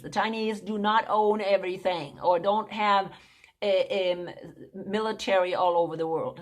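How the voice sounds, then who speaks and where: A woman giving an informal Bible prophecy lesson, talking conversationally, repeating her points and checking in with "okay?". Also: on the low side. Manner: conversational, keeps asking "okay?".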